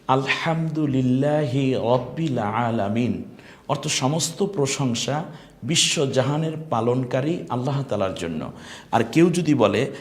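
A middle-aged man teaching an online Quran class, explaining pronunciation and repeating letter sounds slowly and with emphasis. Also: mid-range voice.

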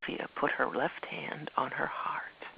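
A woman narrating a children's storybook in a hushed voice that often drops to a whisper, on a muffled recording with faint hiss. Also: low-pitched, moderate pace, vocal fry. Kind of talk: storybook reading.

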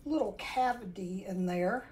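A woman's voice: mid-range voice, normal speed, a little mellow. A woman with a Southern US accent gives a casual cooking tutorial in a folksy, chatty way. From southern United States. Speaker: home cook presenting recipes. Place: home kitchen, indoors. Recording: home video with faint kitchen noise.

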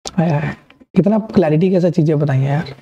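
A man's voice: fairly high pitch, brisk, gravelly, warm tone, husky. Male maths tutor, Indian accent, encouraging online-lesson delivery, slightly muffled recording. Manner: upbeat, encouraging, asks and answers his own questions. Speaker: maths teacher.

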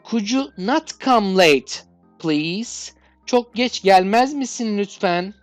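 A woman with a Turkish accent teaching English requests, reading each English phrase slowly and clearly before explaining it. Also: medium pitch, dry recording.

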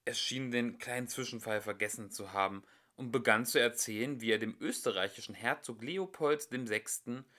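Male amateur audiobook narrator, bright voice, plain reading with small slips. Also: mid-range voice, normal speed, hardly any pauses. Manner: unpolished reading with occasional slips and fillers. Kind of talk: storybook narration.

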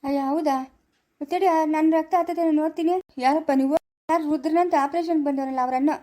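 A woman's voice: sits high, fairly even intonation, fast, dark tone, close to an everyday voice. A woman playing a helpful brother-in-law in an amateur family skit, eagerly offering to help.

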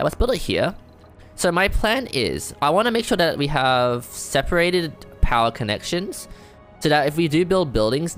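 A man giving casual let's-play commentary, thinking aloud, excitable and self-deprecating as he works things out. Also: mid-range voice. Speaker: gamer playing a strategy game. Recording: faint game music behind.

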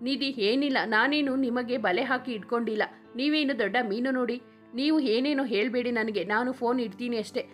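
A woman's voice: fairly high pitch, quick pace, soft background music, natural voice. A woman reading the lines of a shy, devoted young woman in a story, speaking playfully.

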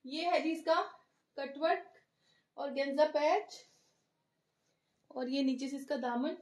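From Lahore, Pakistan, a woman with a high, bright voice and a Pakistani Urdu accent runs a live online clothing sale. Her brisk, chatty sales patter rattles through sizes and prices while she greets viewers along the way.

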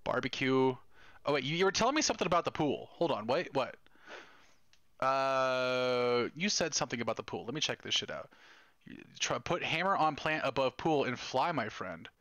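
A man live-streaming a game, chatting casually with viewers, profane and excitable. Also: medium pitch, normal speed, dry recording. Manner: profane, excitable, talks to chat. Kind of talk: casual live gameplay chat.

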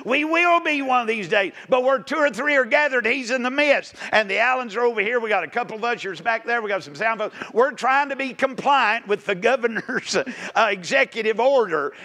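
High, bright-voiced preacher man. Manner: folksy preaching, rising to emphatic exhortation. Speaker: pastor. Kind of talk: sermon. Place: church sanctuary, nearly empty.

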